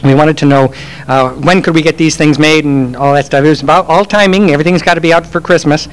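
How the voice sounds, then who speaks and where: Talker with a lightly raised pitch, chatty and self-mocking, fielding audience questions on stage. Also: male voice, fairly even intonation, fast, rough recording. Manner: rambling, chatty, self-deprecating humor. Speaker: game industry speaker. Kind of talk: live Q&A storytelling.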